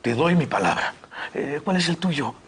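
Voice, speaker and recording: A man, playing a flattering, teasing uncle in a telenovela. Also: a little high, moderate pace, slightly rough. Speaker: uncle, old flame. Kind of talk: telenovela acting.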